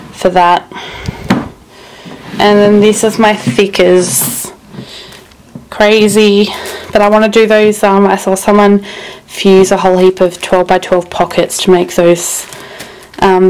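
A young woman talks her way through a craft room tour, creaky voice, loose and rambling, laughing often. Her pitch sits in a middle range. Faint noise and clicks sit under her voice. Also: a little mellow, rough recording. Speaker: craft vlogger.

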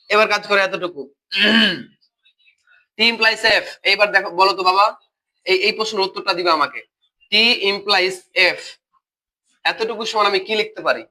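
Over poor audio, a logic tutor with a cold and a Bangladeshi Bengali accent explains things in a live online class. His voice is high, pushed and bright, and he patiently repeats himself while quizzing the students as he goes.

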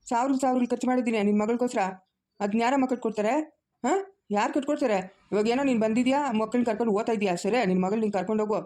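A woman's voice: fairly high pitch, mellow, natural voice. A woman playing a greedy, harsh village uncle who nags and scolds. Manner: scolding, nagging with repeated "ha?". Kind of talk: family drama acting.

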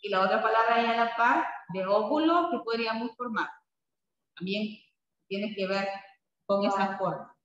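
A man with a high-pitched, fairly bright voice teaches a class spelling at a normal speed, patiently checking in with frequent tag questions. The recording sounds dull, made in an echoey classroom far from the mic.

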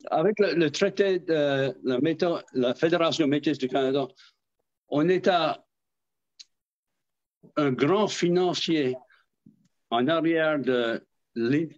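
A man from southwest Nova Scotia, an association representative with an Acadian French accent, tells stories during a casual interview. His voice is on the high side and slow, pausing often, hesitating and repeating words, and the recording is muffled.

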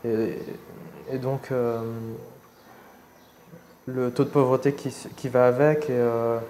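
A man's voice: medium pitch, little pitch movement, mellow, slight background noise. Shy, hesitant young man. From Réunion. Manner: shy, hesitant, many pauses and restarts. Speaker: interviewee. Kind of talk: personal testimony interview. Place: seated indoors against a plain wall.

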